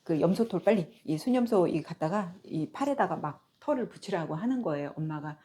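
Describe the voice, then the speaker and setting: A woman teacher retelling a Bible story in a lively way, often turning to her listeners with questions. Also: on the low side, fairly quick. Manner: lively storytelling, asks the audience rhetorical questions.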